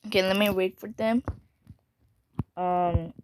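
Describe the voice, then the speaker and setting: A woman commenting on a game she is playing, talking at an unhurried pace. She mocks herself and swings from hushed whispers to sudden shouts. Clear background noise runs under her voice. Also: medium pitch, fairly even intonation. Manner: self-mocking, jumpy, drops into whispers and sudden yells. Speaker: gamer.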